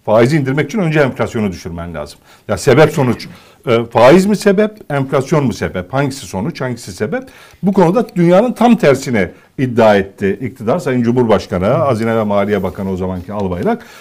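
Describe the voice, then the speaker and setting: A man talking through a point in a commentary chat, steady and mid-pitched. He builds his case with emphatic rhetorical questions and repeats key phrases to drive it home. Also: brisk.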